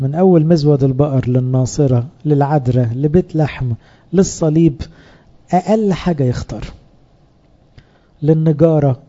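Dark-voiced Egyptian priest preaching conversationally. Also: male voice, on the high side, dull audio. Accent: Egyptian Arabic. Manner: conversational preaching with rhetorical questions. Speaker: priest teaching other priests. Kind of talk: sermon.

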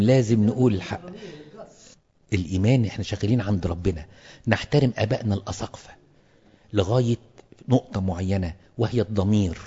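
A man's voice: mid-range voice, a little mellow, breathy edge, long reverb tail, dull audio. A man with an Egyptian Arabic accent gives a pastoral lecture to fellow priests and stresses points by repeating words. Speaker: clergyman teaching priests.

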